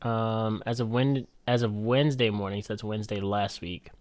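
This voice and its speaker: A man co-hosting a casual podcast chat, laughing easily and reading news aloud with halting fillers. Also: on the low side, fairly even intonation, a little mellow, no room sound. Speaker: podcast co-host.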